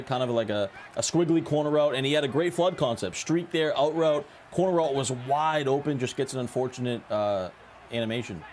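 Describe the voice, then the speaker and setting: A man's voice: medium pitch, a little mellow, slight background noise. A man doing live esports color commentary, analytically breaking down plays and coverage adjustments.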